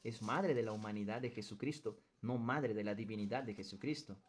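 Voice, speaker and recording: Speaking briskly in a lowish voice with a breathy edge, a man runs a group Bible study. He reads passages aloud and, like an earnest teacher, puts questions to the group and emphasizes his points.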